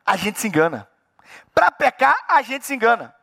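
A man preaching as a pastor in a church, animated, acting out little dialogues with God. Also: extremely high pitch, normal speed, gravelly, no room sound, clean studio sound. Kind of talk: sermon.

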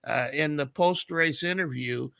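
A man's voice: on the high side, unhurried, gravelly, bright, forceful tone, no echo. A man co-hosting motorsports radio, telling stories with laughs. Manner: storytelling, laughs while talking. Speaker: radio co-host, stats man. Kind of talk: casual studio chat.

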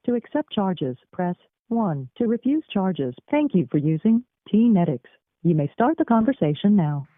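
Brief: recorded female operator on a prison phone, tinny line, lively sing-song pitch, formal script. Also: moderate pace. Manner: scripted, formal and evenly spoken. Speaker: automated collect-call operator.

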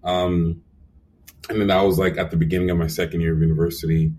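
A young man telling lively stories as a guest in a casual interview, acting out quotes with lots of fillers. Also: low voice, fast talker, distant mic. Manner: animated storyteller, acts out quotes, frequent fillers. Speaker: animation supervisor guest.

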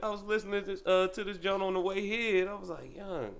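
A man's voice: high voice, level tone, quick pace, vocal fry, a little hiss or hum. A man who produces a podcast, chatting casually with easygoing, rambling talk and frequent laughs. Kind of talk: casual group chat.

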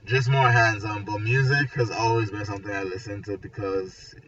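A husky, lowish, bright voice belongs to a Nigerian man in his twenties, an architecture graduate chatting informally with peers about his background and creative work at normal speed. He leans on "like" and "you know," and the distant mic makes it muffled, with noise all around.

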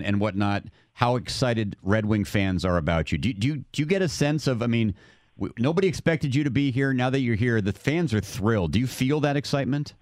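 A man's voice: medium pitch, darkish tone, no echo, clean studio sound. A male radio show host interviewing a caller, often stumbling and repeating words as he starts his questions.

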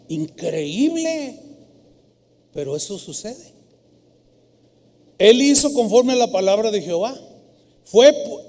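A man with a Mexican accent preaching a sermon in an animated, humorous and scolding manner. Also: very high-pitched, long reverb tail. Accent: Mexican Spanish. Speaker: pastor. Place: church.

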